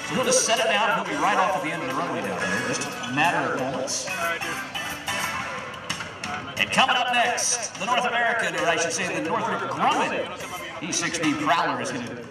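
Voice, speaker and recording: Echoing high-voiced male airshow commentator. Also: quick pace, far from the mic. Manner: folksy showman, chatty and excited, hyping the crowd. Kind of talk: live airshow commentary over a PA to spectators. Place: outdoor airfield over loudspeakers. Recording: echoing outdoor PA from afar, loud music.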